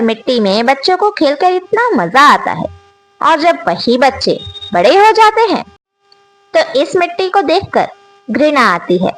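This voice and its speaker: As the channel's storyteller, a woman with a high-sitting voice tells a reflective moral story slowly and earnestly, her pitch rising on rhetorical questions. The audio quality is poor.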